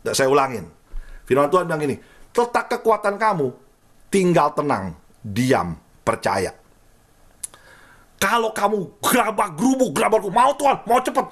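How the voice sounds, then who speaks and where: A middle-aged man with an Indonesian accent, preaching a casual, lively sermon and repeating phrases for emphasis. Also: normal speed, long pauses. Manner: animated, swings pitch widely, repeats phrases for emphasis. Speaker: pastor.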